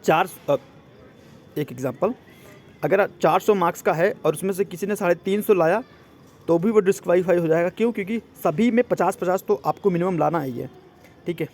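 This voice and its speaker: Briskly and in a high, slightly mellow voice, a male exam coach talks through a job notice informally. He uses English words here and there and keeps checking whether listeners are following along.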